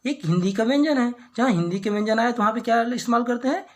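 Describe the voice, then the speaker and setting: A woman teacher who explains English grammar in Hindi, putting questions to her students, answering them herself, and reading the English example sentences slowly. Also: on the high side.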